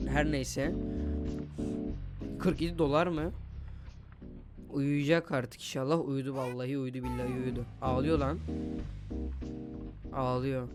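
A young man doing jokey horror game commentary, swearing casually and talking to the game baby and his viewers. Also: medium pitch. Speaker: gaming YouTuber. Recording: music playing underneath.

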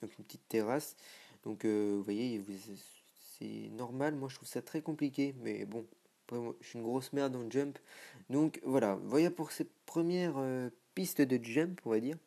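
A man's voice: mid-range voice, moderate pace, gravelly, dark tone. A young man giving a casual, self-mocking commentary as he tours a game server, with many hesitations. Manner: chatty, self-mocking, lots of filler hesitations. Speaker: gaming video creator.

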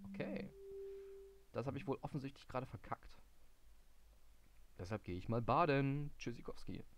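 A man doing live game commentary, muttering in confusion, reading in-game hints aloud and breaking into sudden excited outbursts. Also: mid-range voice, moderate pace, a little hiss or hum. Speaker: let's play gamer.

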